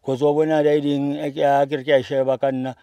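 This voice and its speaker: A middle-aged man with a South African accent talking casually as an interview guest in a car, halting and full of slang. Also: medium pitch, level tone, dark tone, smooth, no echo. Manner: halting, peppered with slang address terms. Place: inside a parked car. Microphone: handheld microphone.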